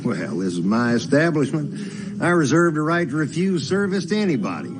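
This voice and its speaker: A man's voice: a little high, sing-song, moderate pace, background noise. An actor playing a hostile man who refuses to serve people at his restaurant, speaking in a cold, menacing drawl. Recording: film clip over loud music. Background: loud film music.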